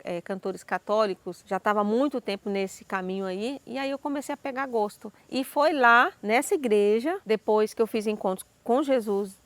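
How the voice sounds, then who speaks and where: A woman with a Brazilian Portuguese accent who tells her life story as a personal testimony in an animated way, acting out the dialogue. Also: a little high, normal speed, few pauses, no echo.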